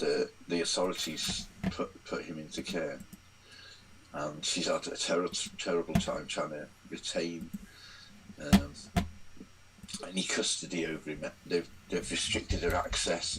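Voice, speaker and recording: Very deep-voiced polite man. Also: a bit bright, slight background noise, low-quality recording. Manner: polite and friendly, addresses the host as sir. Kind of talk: casual chat.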